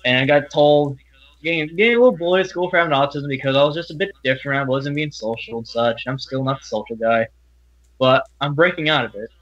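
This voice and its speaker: Earnest young man with a bright voice. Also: medium pitch. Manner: earnest, halting, with many restarts. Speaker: interview guest. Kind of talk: personal interview talk. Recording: dull, lo-fi audio.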